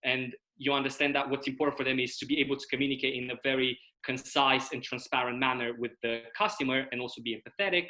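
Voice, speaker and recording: Speaking fast with few pauses, this young man from Romania sounds pushed and bright in a mid-range, steady voice. He's a guest on a relaxed video-call interview, giving long explanations peppered with tag questions like "right?" and "okay?", all captured on a rough recording.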